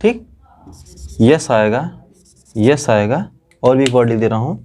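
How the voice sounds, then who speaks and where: Man teaching English, warm low voice. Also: sing-song, a little slow. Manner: repeats "theek" as he explains, addressing students. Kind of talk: classroom lesson at a whiteboard.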